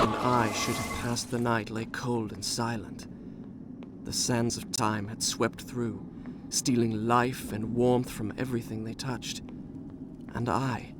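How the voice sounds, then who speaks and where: A man's voice: medium pitch, noisy background, close to an everyday voice. An actor playing a young, proud, remorseful Persian prince who tells his story in a formal, theatrical way, as dramatic video game narration. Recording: music behind the voice.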